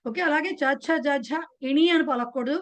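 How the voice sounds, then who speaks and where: A woman's voice: high-pitched, normal speed, a bit bright. A woman with a Telugu accent teaching a beginners' class, explaining patiently and putting questions to her students. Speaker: Sanskrit teacher. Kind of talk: online class lecture.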